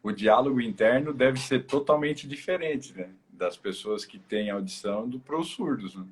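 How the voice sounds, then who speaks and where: A man's voice: mid-range voice, normal speed. Man hosting, asking follow-up questions. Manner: asks thoughtful follow-up questions. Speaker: host. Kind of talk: live interview.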